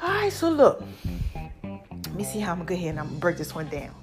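Here a woman in her forties, American and selling her own fitness line, delivers a casual monologue straight to her online audience in the style of a motivational host. Her fairly low voice is sing-song and creaky, she talks fast, and she emphatically repeats catchphrases and checks in often. Allergies slightly color her voice, and faint music sits in the background.

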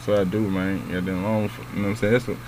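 A man's voice: on the low side, little pitch movement, racing, background noise. A man hosting a casual interview in slangy, repetitive talk. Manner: slangy, repeats himself. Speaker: interview host. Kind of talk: casual chat.

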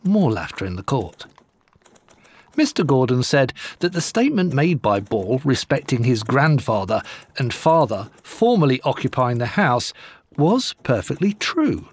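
A man reading old newspaper court reports aloud in a measured, lively way with dry wit. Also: medium pitch, husky, no room sound. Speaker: narrator.

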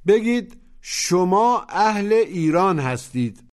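A man's voice: sits high, big pitch swings. Man instructing on a lesson tape. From Iran. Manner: didactic, coaching. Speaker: language teacher. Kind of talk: taped language lesson instructions.

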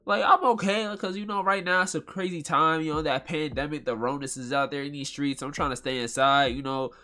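Nasal, bright-voiced man podcasting casually. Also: fairly high pitch, steady tone, a little fast. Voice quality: nasal, congested whine. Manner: rambling, slangy, repeats phrases for emphasis. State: congested from allergies. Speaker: podcast host. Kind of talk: casual solo podcast chat.

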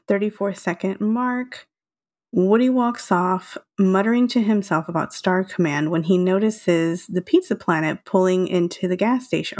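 30s woman chatting casually, kinda low voice, laughs a lot, says like a ton. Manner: chatty, laughs often, many "like" fillers. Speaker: podcast co-host. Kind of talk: casual chat.

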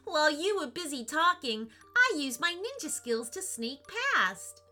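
Lady doing a heroic little ninja boy, eager, bright voice. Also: high-pitched, very animated, unhurried, pitched above the performer's own voice, exaggerated voice. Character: brave young boy ninja. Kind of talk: storybook reading.

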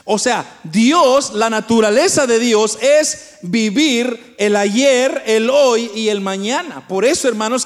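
Man, very high voice; fervent preacher who alternates loud emphasis with hushed asides. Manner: addresses the congregation as brothers, swings from loud to hushed. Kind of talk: sermon.

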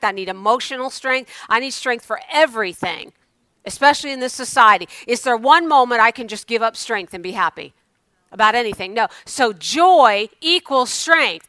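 A woman preacher delivering a sermon in an emphatic, exhorting way, slowing on key phrases and putting pointed questions to her listeners. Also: on the high side, bright, forceful tone, no room sound. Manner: asks pointed rhetorical questions. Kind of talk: sermon to a congregation.

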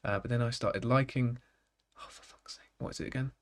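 A man co-hosts a loose, casual chat, tossing in quick jokes and breaking into laughter often. His voice sits at an ordinary pitch for a man. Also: steady tone. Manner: jokey, quick quips and bursts of laughter. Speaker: podcast co-host.

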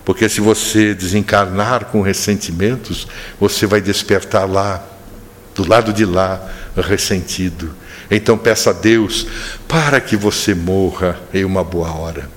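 A man teaching a spiritual study class, telling stories and slowing down to stress points. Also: sits low, slight background noise. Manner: animated storyteller, slows down for emphasis. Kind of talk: religious study lecture with storytelling. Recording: echoey hall reverb.

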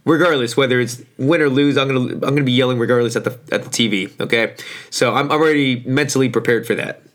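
A man hosting a casual sports podcast in slangy, informal talk, his voice hoarse and worn out as if from yelling. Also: mid-range voice, fast. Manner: informal, slangy, mildly profane. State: hoarse, voice shot from overuse. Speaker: podcast host.

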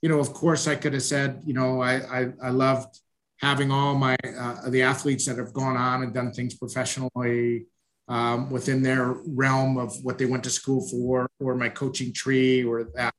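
A man's voice: mid-range voice, little pitch movement, moderate pace. Hesitant, friendly man coach. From Chicago northwest suburbs. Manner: hesitant, many restarts and fillers, friendly. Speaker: sports coach, guest. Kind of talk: casual interview chat. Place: at home, video call.

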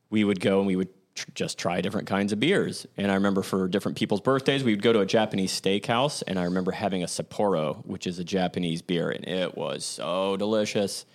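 A young podcast host from Ohio, USA, speaks in a deep, low register as he delivers a casual storytelling monologue on his own show. He rambles through old memories, stops to correct himself, and fills gaps with plenty of "like" and "um."

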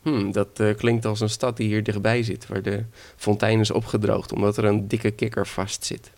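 A man voicing a sleepy, suspicious devil who yelps when woken and grumbles in a gravelly voice. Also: fairly low pitch, flat delivery, normal speed, a little mellow, natural voice. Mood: grumpy. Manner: yelping, indignant outbursts.

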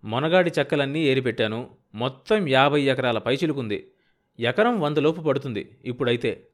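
A man's voice: medium pitch, lively intonation, normal speed, close to an everyday voice. A man voicing a shrewd, stubborn middle-aged village farmer who talks bluntly and pushes hard. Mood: insistent. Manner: blunt, pushy and insistent.

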